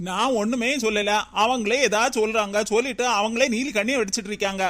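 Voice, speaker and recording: A performer voicing a sharp-tongued young daughter-in-law in a cartoon, speaking with a Kanyakumari Tamil accent in a scolding, defensive way. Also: mid-range voice, fairly even intonation, close to an everyday voice. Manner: scolding, defensive, quick retorts. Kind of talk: cartoon voice acting.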